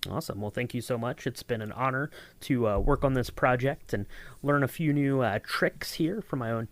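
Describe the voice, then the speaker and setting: At a moderate pace and in a mid-range voice, a man co-hosting a podcast rambles through a casual behind-the-scenes chat, leaning heavily on fillers and restarts.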